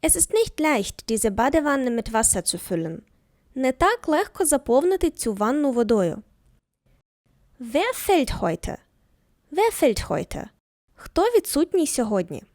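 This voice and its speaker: Woman, German tutor; high lively voice, dry close sound. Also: no room sound. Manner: reads German examples slowly twice, then translates. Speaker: German teacher. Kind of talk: scripted language lesson.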